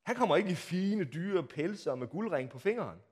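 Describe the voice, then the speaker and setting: A man delivers a sermon as vivid storytelling, his somewhat high voice leaping up and down in pitch. He drops to near hushes and then rises to loud, acted-out crowd cries. Rhetorical questions pull the listeners into the scene. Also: very animated, slightly rough. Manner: dramatic storytelling, acts out crowd shouts. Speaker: pastor. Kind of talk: Palm Sunday sermon.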